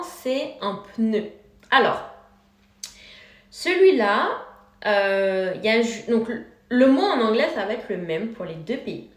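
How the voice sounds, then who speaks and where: A woman teaching English car vocabulary, speaking slowly and clearly and repeating each word for her learners. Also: fairly high pitch, a bit bright, roomy sound. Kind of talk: vocabulary lesson.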